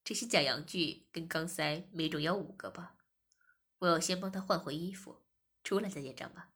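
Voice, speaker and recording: Woman doing a cold bossy master for an audio story, low husky voice, clipped commands. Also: moderate pace, a bit bright. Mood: brisk. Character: cold, domineering master, scornful and controlling.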